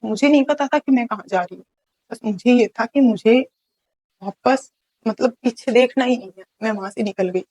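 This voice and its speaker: A woman's voice: medium pitch, vocal fry, darkish tone, poor audio. A young woman from Haryana, telling her life story as an interview guest, earnest and full of restarts. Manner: earnest, recounting events with many restarts and quoted dialogue.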